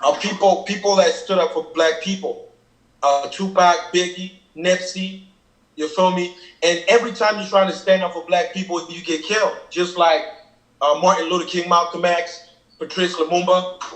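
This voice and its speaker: A man from Cameroon whose first language is Kenyang speaks in a high, steady voice at a moderate pace, with a fairly bright tone. He's a rapper explaining his lyrics in a casual reaction chat, earnestly going on at length and repeatedly asking "you feel me." The room sounds echoey.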